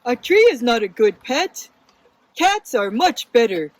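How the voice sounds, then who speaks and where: A dismissive storybook naysayer, played by a woman, high in pitch and full of swoops. The delivery is matter-of-fact and disapproving, with unhurried lines. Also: big pitch swings, darkish tone, no room sound, rough recording. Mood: smug, skeptical. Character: skeptical, dismissive storybook naysayers about pet trees. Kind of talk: storybook character reading.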